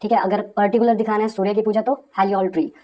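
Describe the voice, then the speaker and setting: A woman with an Indian English accent teaching English vocabulary in a video lesson, explaining slowly and repeating each word, mixing Hindi and English. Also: medium pitch, steady tone, warm tone, rough recording.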